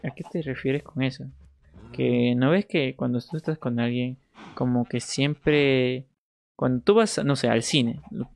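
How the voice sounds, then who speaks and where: A man casually commenting on his gameplay, chatting with viewers and playfully coaxing animals in a sing-song voice. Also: mid-range voice. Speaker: gaming streamer.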